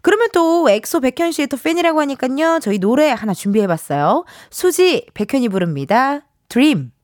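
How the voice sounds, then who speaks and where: Animated woman radio host. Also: high voice, moderate pace, no room sound, clean studio sound. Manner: animated, playful, laughs often. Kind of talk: casual radio chat with a caller.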